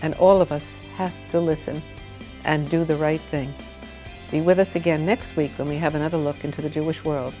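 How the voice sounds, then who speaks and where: Woman, TV host, interview questions, low pitch, encouraging, faint music. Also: steady tone, a little fast. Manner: warm, encouraging. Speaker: TV show host. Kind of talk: interview hosting. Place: studio.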